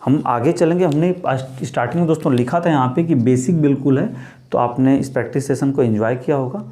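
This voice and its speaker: A man's voice: mid-range voice, fast talker, mellow. A man teaching grammar in Hindi, asking rhetorical questions and calling his viewers friends. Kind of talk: Hindi-English grammar lesson.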